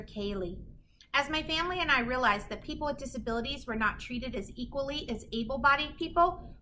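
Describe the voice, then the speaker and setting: A teacher with a high, bright voice reads a children's picture book aloud in an animated, emphatic way, phrasing deliberately and stressing key words for young listeners. The audio is poor, with faint noise behind her.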